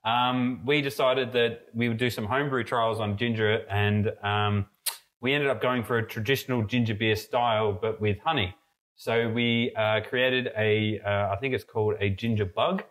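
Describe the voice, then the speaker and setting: Among the steel tanks of an indoor brewery room, a young podcast co-host and mead brewer samples a homebrew. He talks at a moderate pace in a voice on the low side, relaxed and rambling, with plenty of fillers and false starts.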